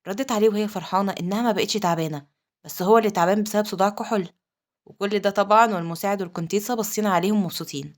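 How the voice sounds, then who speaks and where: Egyptian woman narrator, rapid recap delivery, middle pitch. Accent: Egyptian Arabic. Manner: rapid storytelling, quoted lines read plainly. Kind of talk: fast manhwa recap narration.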